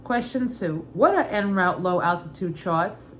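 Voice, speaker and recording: A woman's voice: on the low side, expressive, unhurried, a little hiss or hum. Woman putting on her mom's Brooklyn accent. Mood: quizzing. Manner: exaggerated, quizzing questions.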